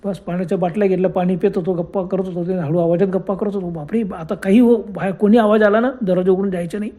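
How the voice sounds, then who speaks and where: A man narrating a first-person ghost story in dramatic, exclamatory storytelling that drops to hushed tones at the tense moments. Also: high voice, steady tone, fast. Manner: dramatic, frequent gasped exclamations, acts out friends' fearful lines. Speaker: horror storyteller.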